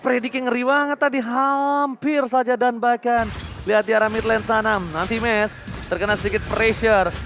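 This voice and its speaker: A man with an Indonesian accent giving excited, dramatic play-by-play like a fighting game announcer, mixing slangy Indonesian with English phrases. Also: extremely high pitch, moderate pace, faint music behind. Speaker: esports match caster. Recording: noisy broadcast with loud background noise.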